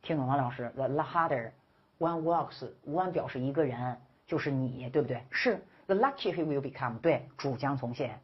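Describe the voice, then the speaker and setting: A woman's voice: extremely low pitch, normal speed, husky, highs cut off. A woman teaching English grammar in an online lecture, playful and teasing, often acting out her students' questions.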